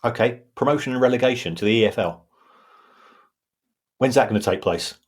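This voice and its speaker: Explaining the money side of football, a pundit co-hosts a podcast in a chatty, casual manner, frequently starting sentences over and repeating words. His medium-pitched voice is brisk with a breathy edge.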